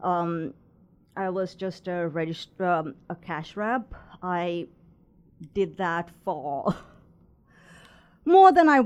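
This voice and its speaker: A woman's voice: on the low side, lively intonation, extremely slow, pauses often, darkish tone, smooth. A woman from Sri Lanka in her thirties, talking about her craft business as a guest, with many fillers and small laughs. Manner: chatty, many fillers, laughs between phrases. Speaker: guest, resin artist and small business owner. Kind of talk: casual interview conversation.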